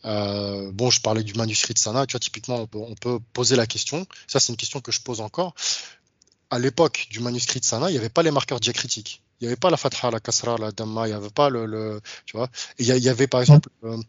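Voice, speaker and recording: Chatting informally but combatively as an interviewee, a man keeps tripping over his words and starting sentences again, speaking to his host in a familiar way. His voice is medium in pitch, recorded dry with no room sound and the highs cut off.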